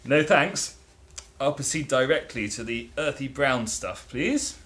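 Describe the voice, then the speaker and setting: An actor in his thirties playing a craving addict with wry, gentlemanly politeness in a short film. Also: medium pitch, expressive, measured pace, slightly rough. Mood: polite, airy. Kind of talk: dramatic monologue and dialogue.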